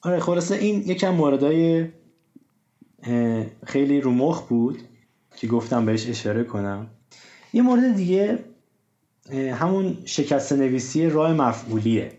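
Warm and medium-pitched, this male host's voice swings widely in pitch as he talks casually about the rules of Persian writing. He explains through many examples, hesitating with fillers, and the audio is roomy, dull and low-fidelity.

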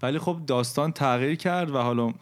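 A man from Isfahan with a light Isfahani Persian accent, telling a personal story in a casual chat, reflective and a little hesitant. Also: medium pitch. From Isfahan, Iran. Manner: reflective, hesitant, laughs at himself.

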